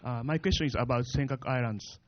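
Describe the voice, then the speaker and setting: A man's voice: medium pitch, quick pace. A man who works as a correspondent asks a question hesitantly, with many fillers. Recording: dull lo-fi sound, dry.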